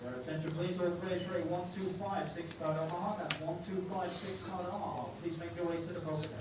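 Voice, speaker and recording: High male voice over a PA system. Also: level tone. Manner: formal, measured calls to players. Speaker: venue announcer. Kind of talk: public announcement. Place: casino poker room. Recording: echoey PA from far off, noisy room.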